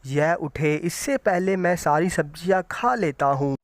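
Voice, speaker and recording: A man's voice: on the high side, animated, unhurried. A man voicing a greedy, sneaky male camel in a storybook tale, in a scheming manner.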